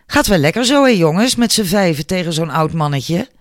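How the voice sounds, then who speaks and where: A man's voice: high voice, animated, brisk, no room sound, studio quality. A man voicing a bold, fearless young woman in an audiobook, speaking with sarcastic scolding. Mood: taunting.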